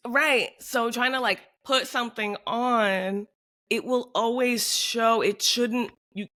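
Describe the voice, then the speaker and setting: Woman cohost, bright voice, emphatic, keeps asking pointed rhetorical questions. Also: fairly high pitch, steady tone, takes it slowly. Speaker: podcast co-host. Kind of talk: casual chat.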